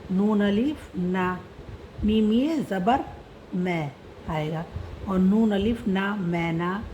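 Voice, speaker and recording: A woman's voice: mid-range voice, mellow, a little hiss or hum, poor audio. A woman teaching how to read and write a script, spelling out letters and sounds patiently. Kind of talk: slow script lesson.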